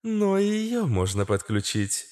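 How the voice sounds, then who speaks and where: A man voicing a calm, politely chirpy female computer system in an audiobook. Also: high voice, a little slow, voice pushed up. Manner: level, chirpy machine politeness.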